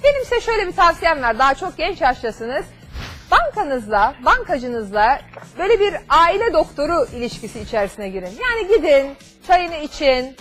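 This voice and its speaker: Female call-in host, middle-aged, high voice, studio sound, explains step by step with customer service courtesy. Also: fairly bright tone. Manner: explanatory, with everyday examples and lists. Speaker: TV host giving financial advice to callers. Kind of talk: live call-in advice show, explaining conversationally. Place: TV studio at a desk. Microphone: lapel mic.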